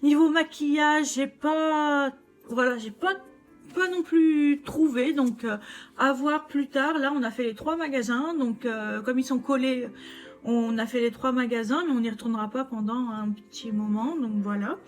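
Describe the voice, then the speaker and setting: Chatty high-voiced woman showing a haul. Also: a little slow, faint music behind. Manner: chatty, many fillers and restarts. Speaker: vlogger showing shopping haul. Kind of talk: casual chat.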